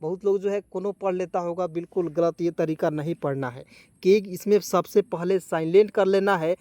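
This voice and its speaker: A man's voice: high-pitched, normal speed, mellow, no echo. A man teaching English spelling and pronunciation, spelling words letter by letter and asking viewers to repeat. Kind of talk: Hindi-language spelling lesson.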